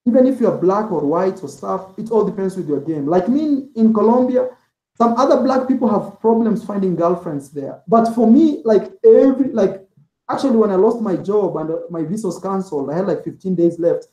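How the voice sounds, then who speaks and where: A travel vlogger guesting on an interview chats casually, rambling loosely and leaning heavily on "like" and "man" as fillers. His voice is high-pitched and expressive with a warm tone, and he talks fairly quickly. The recording is poor quality, made in an echoey room.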